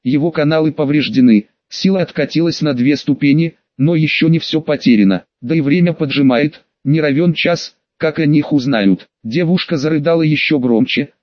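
A man reading a fantasy audiobook in a measured storytelling manner. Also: fairly high pitch, no echo, lo-fi sound. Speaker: audiobook narrator. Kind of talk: scripted narration.

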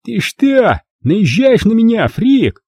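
Male reader voicing a loud, sneering teen bully; high-pitched, lively, husky. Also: slow pace, dry recording, clean studio sound, full character voice. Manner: mocking, theatrical taunting. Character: sneering teenage boy bully, loud and crude.

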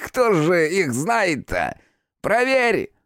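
A man's voice: sits high, wildly swooping pitch, very slow, a bit bright, dry recording, studio quality, pitched above the performer's own voice, full character voice. Man voicing a wheezing crafty old innkeeper. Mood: mocking. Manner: gruff, mocking, bullying. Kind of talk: audiobook character voice.

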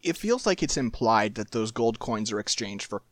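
A man's voice: on the low side, big pitch swings, normal speed, no echo. A man hosting a podcast in casual chat, playful, laughing and mimicking voices. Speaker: podcast host.

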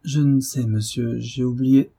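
A man reading aloud, voicing a timid, anxious young wife who speaks softly and hesitantly. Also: medium pitch, steady tone, a little slow, creaky, husky, pitched above the performer's own voice. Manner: hesitant, soft and polite.

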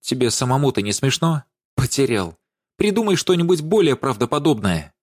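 A man's voice: mid-range voice, big pitch swings, moderate pace, a little mellow, no room sound, clean studio sound, voice pushed up. A man reading an audiobook and voicing an indignant young woman who cuts her lover down with scorn. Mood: accusing. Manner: scornful, accusing, cutting.

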